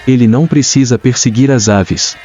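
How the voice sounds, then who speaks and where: A man with a Brazilian accent reads scripted nature documentary narration in a measured, dramatic storytelling way. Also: mid-range voice, mellow. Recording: dull lo-fi sound with music. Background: clear background music.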